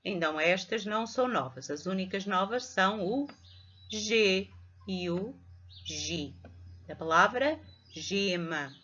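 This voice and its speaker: Slow, patient Portuguese teacher woman. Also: mid-range voice, lively intonation, bright, forceful tone, slight background noise. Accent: European Portuguese. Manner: slow, patient, spells out syllables. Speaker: primary school teacher. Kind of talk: reading lesson for young children. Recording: dull lo-fi home recording.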